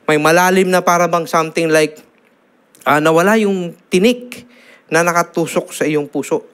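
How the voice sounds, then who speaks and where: Animated Filipino pastor, bright clear voice. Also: male voice, fairly high pitch, normal speed. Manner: animated storytelling, Taglish with frequent "no?" tags. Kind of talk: sermon.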